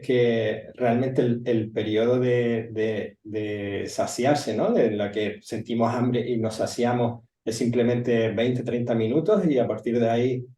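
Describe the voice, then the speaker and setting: A man hosting an interview, asking slow, hesitant questions with restarts. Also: mid-range voice, dark tone. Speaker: interviewer, host. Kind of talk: conversational interview. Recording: roomy, distant from the mic.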